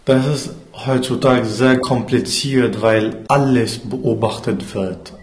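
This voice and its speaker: A man with a natural, mid-range voice speaks in a steady, deadpan tone, with reverberation and background noise around him. He plays an undercover agent posing as a museum worker, talking in halting German with an Arabic accent, bluntly and with curses.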